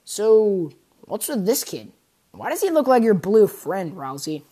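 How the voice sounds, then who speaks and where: A woman's voice: mid-range voice, sing-song, unhurried, dark tone, husky. Woman doing a brusque guard captain. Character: gruff middle-aged guard captain man.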